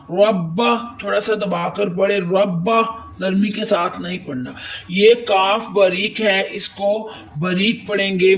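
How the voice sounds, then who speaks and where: A man's voice: sits high, a bit bright, far from the mic. A man with a Pakistani Urdu accent, teaching Quran recitation step by step, patiently spelling out and reciting words. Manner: slow, patient explanation with drawn-out recited words. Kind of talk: step-by-step tajwid lesson.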